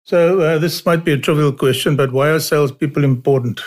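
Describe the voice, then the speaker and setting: A man's voice: fairly high pitch, fairly quick. A man hosting an interview, asking questions conversationally and backing the guest with frequent murmurs of agreement. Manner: conversational, frequent mm-hmm backchannels. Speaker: interview host. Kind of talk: podcast interview.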